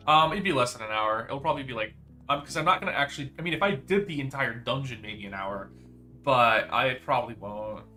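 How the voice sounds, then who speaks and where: A man's voice: mid-range voice, a little fast, sharp tone, faint music behind. A young man chatting casually on a gaming stream, rambling and teasing his friend, full of fillers and restarts.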